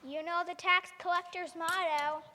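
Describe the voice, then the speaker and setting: A woman's voice: very high voice, fairly even intonation, moderate pace, in a large hall, heavy background noise. A woman voicing a short, pompous male tax collector in a cartoon, boastful and self-important. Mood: smug. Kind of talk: cartoon acting.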